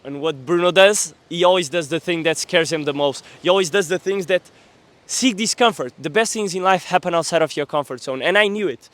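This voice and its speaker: Man in his 20s with a high-ish, dry voice; fierce, earnest motivational vlogger who swears casually. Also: a little fast, fairly bright tone, dry recording. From Portugal. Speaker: young entrepreneur, vlogger. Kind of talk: motivational monologue to camera.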